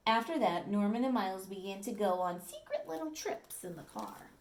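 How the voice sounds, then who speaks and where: A woman teacher reads a picture book aloud to children, telling the story expressively and tossing friendly asides to her listeners. Her voice is medium-pitched and moderately paced, with slight background noise.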